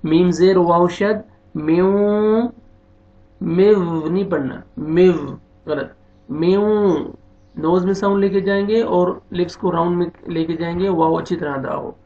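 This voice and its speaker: A man teaching beginners to read the Quran, spelling out letters and vowel marks one by one, with quicker, quieter explanations of the rules. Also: high voice, steady tone, highs cut off. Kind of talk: slow spelled-out recitation lesson.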